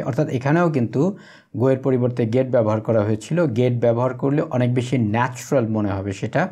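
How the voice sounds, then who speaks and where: A man teaching spoken English, saying English phrases slowly and clearly for learners to repeat. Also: mid-range voice, dark tone. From Bangladesh.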